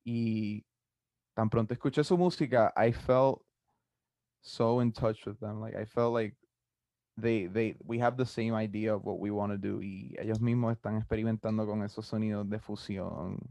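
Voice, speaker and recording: A young man of twenty with a Puerto Rican Spanish accent, a musician answering interview questions in a relaxed, rambling way with many fillers. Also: lowish voice, measured pace, creaky, no room sound. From Puerto Rico. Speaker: musician guest. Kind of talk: casual interview, mixing Spanish and English.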